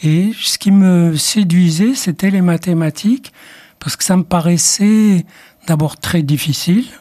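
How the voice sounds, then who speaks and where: A high-pitched, mellow male voice belongs to an older psychoanalyst from Morocco, Arabic being his first language. Interviewed on the radio, he replies slowly and reflectively, hesitating and starting over.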